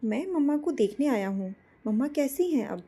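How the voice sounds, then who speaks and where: A woman voicing a gentle, worried little boy who talks in a sweet, pleading, childlike way. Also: sits high, expressive, moderate pace, slightly rough, exaggerated voice.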